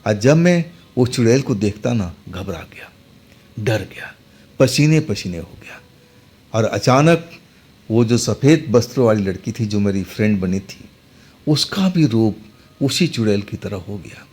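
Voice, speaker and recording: Man, horror storyteller, first person, dramatic, conversational, husky voice. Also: fairly low pitch, animated, measured pace, a little mellow.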